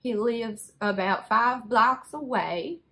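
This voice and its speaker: Woman playing a sweet, slow-talking, high-voiced old lady. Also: sharp tone, full character voice. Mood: rambling, obliviously literal. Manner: sweet, rambling, obtusely literal, folksy grammar. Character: sweet, rambling, literal-minded old lady of eighty-nine. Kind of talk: prank phone call role-play. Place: small bedroom, indoors.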